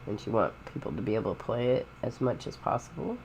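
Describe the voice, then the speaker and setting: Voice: medium pitch, big pitch swings, fast, a little mellow, slight background noise, low-quality recording. A gamer giving informal, rambling commentary while playing, chatting casually about games. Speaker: gamer, game streamer. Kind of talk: casual gameplay commentary and chat. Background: game music.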